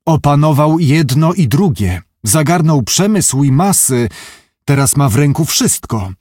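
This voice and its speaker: A man's voice: on the high side, expressive, unhurried, a little mellow, slightly rough, no room sound, clean studio sound, pitched above the performer's own voice. A man reading an audiobook, voicing a gloomy, shaken businessman who talks in anxious, confiding tones. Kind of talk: audiobook character voice.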